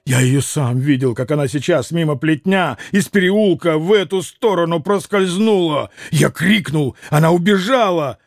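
A man's voice: on the high side, normal speed, gravelly, few pauses, no room sound, clean studio sound. A man voicing a hot-tempered, violent young man who bursts out in heavy, gasping, vehement lines. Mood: furious.

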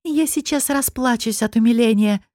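A woman's voice: fairly high pitch, a little slow, a little mellow, no echo, clean studio sound. A woman voicing a spoiled young noblewoman who screeches in fury. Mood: sneering.

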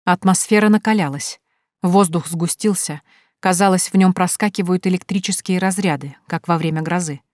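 A woman narrates a romance novel in the first person with expressive, dramatic delivery. Her voice sits low, and the recording is dry and close. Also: moderate pace, no echo. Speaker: audiobook narrator.

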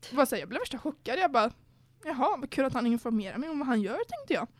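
A young woman with a high-pitched, animated voice hosts a podcast in a dry recording. She chats casually, storytelling and acting out what others said.

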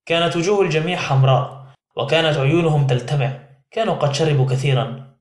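A man's voice: on the high side, fast talker. A man narrating a novel in the first person as an audiobook, in a dramatic reading style. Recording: roomy echo.

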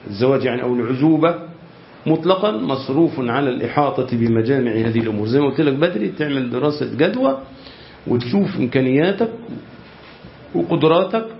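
An Egyptian man teaching a religious lesson at an average pitch. He reads from a classical text and then explains it in plain colloquial speech, asking his listeners rhetorical questions. The recording is roomy and slightly muffled, with a faint hiss underneath. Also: animated, fast talker, vocal fry.

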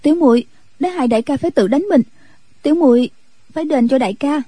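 A woman voicing a timid, gentle young nun who pleads anxiously in an audiobook. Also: dry recording, close to an everyday voice. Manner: higher, pleading, rushed voice.

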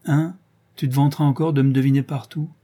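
A man's voice: mid-range voice, fairly even intonation, brisk, warm tone, close to an everyday voice. A man reading aloud and voicing a playful, mischievous young woman with a teasing manner.

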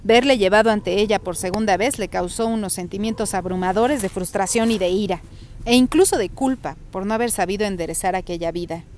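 A woman calmly reading a chapter of a novel aloud, narrating in a steady way. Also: medium pitch, fairly quick, slight background noise. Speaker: reader.

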